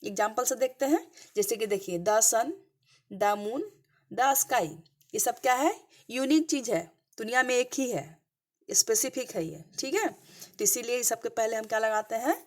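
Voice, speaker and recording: A woman teaching a grammar lesson over slides. She keeps asking the class questions and then answers them herself. She checks in again and again with short "clear?" and "okay" prompts. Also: a little high, a little slow.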